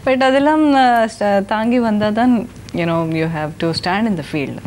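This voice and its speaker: A woman's voice: mid-range voice, lively intonation, rapid-fire, darkish tone. A woman with a South Indian accent answering interview questions conversationally, hesitating and switching languages mid-sentence as she explains. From India, Andhra Pradesh. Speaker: flautist being interviewed.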